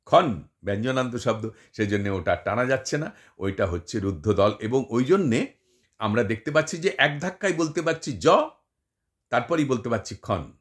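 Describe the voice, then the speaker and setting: A man's voice: medium pitch, animated, moderate pace. A man giving a lecture, explaining step by step, repeating examples and asking his listeners rhetorical questions. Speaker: teacher. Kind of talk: lecture on Bengali poetic meter.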